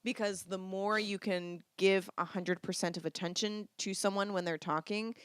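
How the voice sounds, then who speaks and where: A woman's voice: mid-range voice, steady tone, normal speed, fairly bright tone, clean tone, no echo, clean studio sound. A young woman co-hosting a podcast, chatting playfully with a cough and a slightly congested voice. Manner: playful, self-mocking banter. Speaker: podcast co-host. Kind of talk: casual chat.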